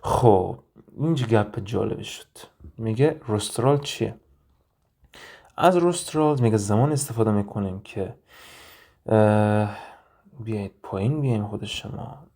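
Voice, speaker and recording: A man teaching an anatomy lesson, explaining each term step by step, asking and answering his own questions and thinking aloud with pauses. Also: lowish voice, mellow. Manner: thinks aloud with frequent hesitation sounds. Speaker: anatomy instructor. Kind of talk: recorded lecture with drawing and reading.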